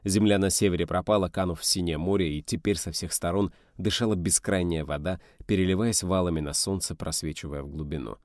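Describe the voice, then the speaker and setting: A man reading a novel aloud in a steady, measured storytelling voice. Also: deep voice, no room sound, clean studio sound. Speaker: audiobook reader. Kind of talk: scripted narration.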